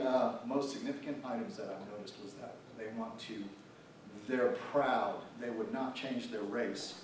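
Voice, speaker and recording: Earnest man speaking in an echoey hall. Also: mid-range voice. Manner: earnest, explanatory. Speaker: prevention program presenter. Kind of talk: conference presentation. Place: conference room. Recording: echoey hall from far off, faint noise.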